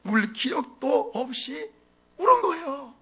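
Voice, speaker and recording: A man preaching a sermon as pastor, animated and often asking the congregation questions. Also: very high voice, a little slow. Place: church sanctuary.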